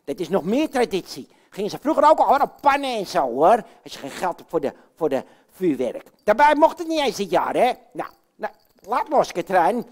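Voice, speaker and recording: A woman's voice: mid-range voice, big pitch swings, moderate pace, a little mellow. A woman voicing a boisterous male puppet character in a children's puppet show, chatty and blustery, talking to the children. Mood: bossy. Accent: Dutch. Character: Jan Klaassen, boisterous male puppet man.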